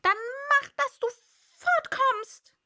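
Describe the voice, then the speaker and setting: A woman's voice: very high voice, measured pace, pushed and bright, voice pushed up, full character voice. A woman voicing an indignant female pigeon who shrieks and scolds in a sobbing complaint, as a character in a read-aloud story. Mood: scornful. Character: shrill, indignant female pigeon guarding eggs. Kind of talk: audiobook character voice.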